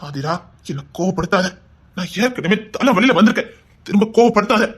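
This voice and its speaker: A man's voice: sits high, expressive, fairly quick, breathy edge. A man playing a stern young fiancé who gives firm, commanding orders.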